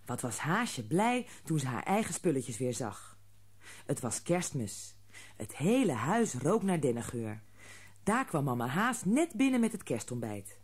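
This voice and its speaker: A woman narrating a children's storybook in a gentle, expressive way. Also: deep voice, measured pace, slightly rough.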